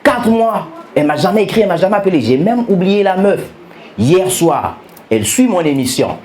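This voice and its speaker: A man performing stand-up comedy, telling stories in an animated way and teasing the audience. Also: high-pitched, normal speed. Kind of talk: stand-up comedy with crowd work. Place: comedy club stage. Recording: roomy club sound with live audience.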